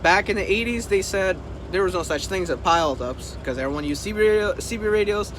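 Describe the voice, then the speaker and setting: In this casual trucking vlog, the host, a trucker, speaks to the camera in a high voice at a slightly quick pace. He presses his points hard and says them again, with noisy vehicle and outdoor sounds behind him.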